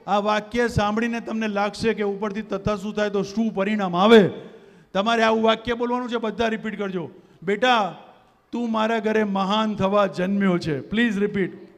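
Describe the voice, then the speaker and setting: A man giving a motivational stage talk at a community gathering, rousing the crowd and leading them in call-and-response. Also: high voice. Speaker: motivational speaker. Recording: long hall reverb.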